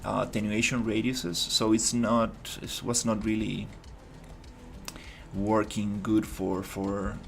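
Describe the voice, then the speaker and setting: A Costa Rican man streams his game development work, speaking casually as live-stream commentary and thinking aloud with many fillers and restarts. His voice is lowish and creaky, with little pitch movement, and he takes it slowly.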